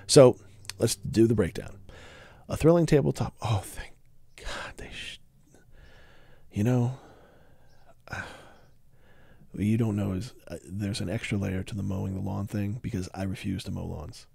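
Man, low voice, gravelly, dry close sound, casual rambling review, wry asides. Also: unhurried, mellow, dry recording. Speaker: board game reviewer.

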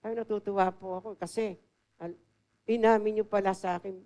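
Brisk and steady in tone, this woman speaks in a mid-range voice while preaching as an assistant pastor. She tells stories conversationally, slips English phrases in, and her volume often swings from loud to soft.

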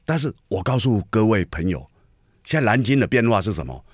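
A man's voice: lowish voice, big pitch swings, brisk, no room sound, clean studio sound. A man hosting a radio talk show, giving an emphatic political commentary monologue full of rhetorical questions to his listeners. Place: radio studio.

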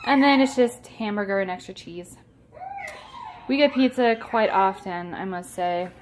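A woman's voice: medium pitch, a little slow. A woman in her thirties, a mother chatting casually to the camera and her children in her home. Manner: cooing, playful baby talk with her children. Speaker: vlogger and mother of three. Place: family home. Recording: home video with background noise.

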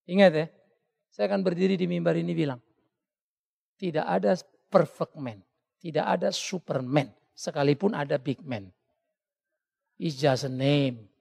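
A male pastor preaching a sermon in an animated way, often acting out the voices of the people he quotes. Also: on the high side, measured pace, creaky, long pauses, big-room sound. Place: church hall.

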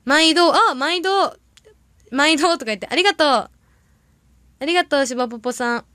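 A young woman with a bright, high voice chats casually to her livestream audience. She rambles through stories and reacts quickly to comments. The sound is dry, with no room echo. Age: young adult. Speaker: idol audition candidate livestreaming. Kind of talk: casual livestream chat reading viewer comments.

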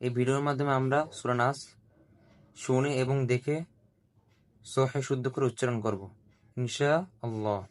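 A man teaching Quran recitation, spelling out letters and vowel marks and repeating each syllable slowly, with drawn-out melodic chanting of the verses. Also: medium pitch, steady tone. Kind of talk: slow letter-by-letter recitation lesson.

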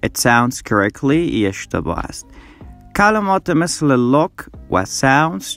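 A man teaching English who says his example phrases slowly and carefully and pauses often with "uh" between quicker explanations. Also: medium pitch, a bit bright. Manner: many hesitation fillers. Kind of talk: language lesson video.

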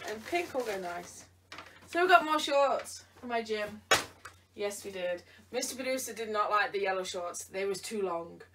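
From a camera across her bedroom, a tired vlogger chats playfully during a try-on video, teasing someone off camera. Her mid-range voice is a bit bright and sounds distant.

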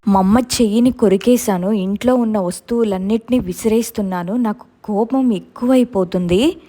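A woman's voice: medium pitch, dark tone. A woman in her twenties earnestly telling her own ghost experience in the first person, mixing English words into her speech.

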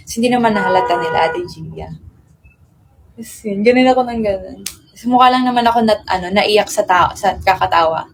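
A woman's voice: on the high side, a little hiss or hum. A young woman with a Filipino accent chatting casually with fans on a live stream. She rambles through her stories, fills them with tag words and switches between Tagalog and English. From Philippines.

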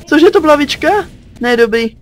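Teen male let's-player from Czechia, very high and bright, jumpy, curses at monsters. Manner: jumpy, yelps and curses at enemies. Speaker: gaming channel host. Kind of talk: let's play commentary.

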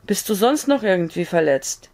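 A woman's voice: mid-range voice, expressive, moderate pace, darkish tone, lightly acted. A woman voicing an anxious young pioneer wife who speaks worriedly and stammers in an audiobook reading.

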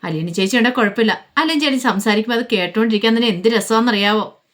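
A lively teenage girl, outspoken and quick to protest, pipes up in a told family story, as a woman storyteller puts her on. Her voice rises higher than the storyteller's own and stays eager. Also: close to an everyday voice.

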